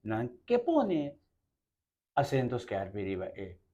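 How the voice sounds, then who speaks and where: Halting Curaçaoan man, muffled recording. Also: fairly low pitch, wildly swooping pitch, mellow. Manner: halting, thinks aloud. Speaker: interviewer. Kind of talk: interview questions. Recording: slightly dull lo-fi sound.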